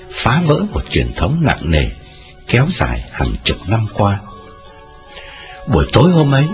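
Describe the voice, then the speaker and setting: Male narrator, ghost story, scripted narration, very animated pitch, average pitch. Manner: dramatic storytelling with wide swings in pitch. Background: music.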